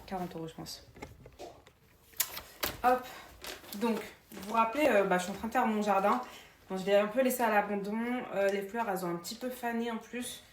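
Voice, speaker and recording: In this home vlog, a young woman who has just become a mother talks casually to camera, calling her audience girls. Her mid-range voice is brisk yet broken by frequent pauses and many fillers, and her French has a slight foreign accent. Clicks and faint background noise are audible.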